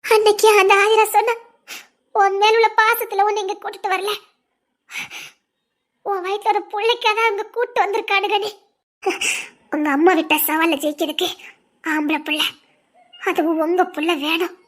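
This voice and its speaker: An actress playing a distraught young pregnant wife who feels betrayed, crying and shouting through bitter laughs in a TV serial. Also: female voice, very high-pitched, level tone, moderate pace, long pauses. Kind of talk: TV serial acting.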